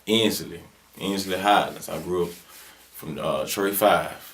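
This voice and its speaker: Deep-voiced and a bit bright, this man in his twenties speaks a little slowly with fairly even intonation. He's a rapper from Birmingham, Alabama with a Southern US accent, answering interview questions in relaxed slang packed with fillers.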